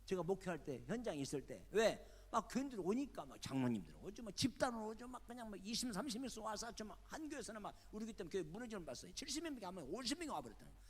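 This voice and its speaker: An older man, a retired senior pastor, preaching a sermon with lively storytelling and acting out the people in his stories. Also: high voice, racing. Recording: long church-hall reverb.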